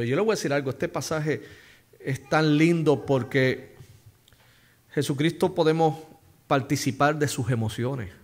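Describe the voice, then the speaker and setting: A man preaching a sermon as pastor, emphatic, asking the congregation questions and dropping to hushed low phrases between loud stresses. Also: slightly rough.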